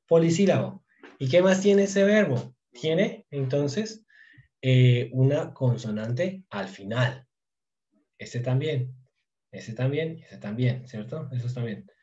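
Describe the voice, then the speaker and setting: Man teaching with mellow, dull-sounding audio. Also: medium pitch. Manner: thinks aloud with many fillers; slow, drawn-out drilling of conjugations. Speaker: Turkish teacher. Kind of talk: online lesson.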